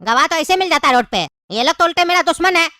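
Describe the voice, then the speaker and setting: A woman's voice: very high-pitched, lively intonation, quick pace, noisy background. A woman voicing a young male accused in a comedy skit, pleading his innocence with evasive excuses.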